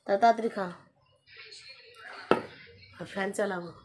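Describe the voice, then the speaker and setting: A woman's voice: medium pitch, fairly even intonation, measured pace, very noisy. A woman, chatting with her family at home in a casual vlog, teasing and scolding. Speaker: family vlogger.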